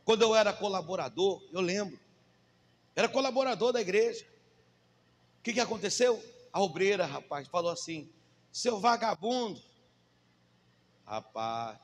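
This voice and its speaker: A man preaching a sermon in a high, ringing voice. He presses his points with rhetorical questions to the congregation, and his words trail off into the long reverb of a large church hall. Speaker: pastor.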